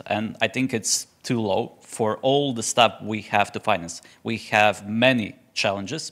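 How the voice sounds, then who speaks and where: A man's voice: mid-range voice, a bit bright. Man arguing on a panel. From Croatia. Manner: earnest, self-correcting, many restarts. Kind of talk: panel discussion.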